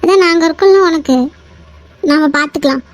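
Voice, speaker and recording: A woman's voice: very high voice, brisk, voice pushed down. A woman voicing a caring young woman in a cartoon who comforts and reassures her crying friend. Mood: comforting. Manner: soothing, reassuring. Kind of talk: cartoon voice acting.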